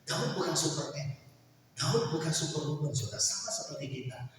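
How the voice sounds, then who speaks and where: An older man preaching a sermon as pastor, with fervent swings between soft asides and loud outbursts and many rhetorical questions. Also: on the high side, expressive, fairly quick, slight background noise. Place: large church hall. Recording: echoey church hall, mic at a distance.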